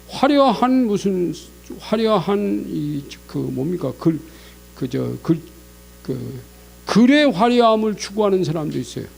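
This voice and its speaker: Male pastor, Sunday sermon, high and swooping delivery, faint mains hum under the voice. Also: gravelly. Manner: animated, acts out God's scolding voice.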